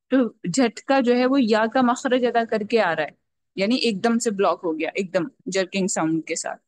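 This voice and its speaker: Woman teaching a recitation class online, patient, keeps asking okay, drags sounds out slow to show them. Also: medium pitch, no room sound. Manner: patient, explains step by step, drawn-out demonstration sounds; checks in often with a repeated "okay". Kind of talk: online tajweed lesson.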